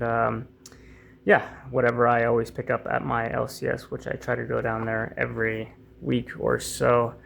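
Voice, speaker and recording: Gravelly, rambling man. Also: medium pitch, fairly bright tone, a little hiss or hum. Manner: rambling, many fillers and restarts. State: hot and tiring, voice strained. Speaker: comic book channel host. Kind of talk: casual unboxing chat.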